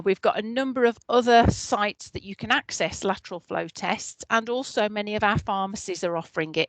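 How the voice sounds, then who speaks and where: A woman speaking over a video call, walking a community meeting through public health figures. Her voice sits in the middle of the female range and comes through dry and close, with no room sound. She explains in a clear, steady way. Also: mid-range voice, no room sound, low-quality recording. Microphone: computer mic on a video call.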